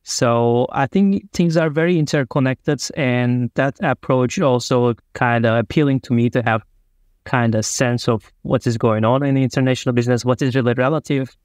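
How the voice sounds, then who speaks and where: This remote interview guest is a man from Turkey whose mid-range voice is darkish, clear, and resonant, with fairly even intonation at a moderate pace. He speaks earnest, loosely structured English in a Turkish accent, recorded dry and close with no room sound.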